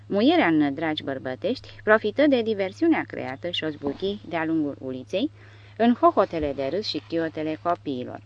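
Low-voiced woman narrating an audiobook. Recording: dull lo-fi audio.

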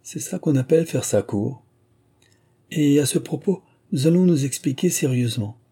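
A man's voice: on the high side, expressive, normal speed, dark tone, slightly rough, voice pushed up. A man voicing a self-assured young woman who teases in a playful, mock-stern way, reading from a storybook. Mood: teasing.

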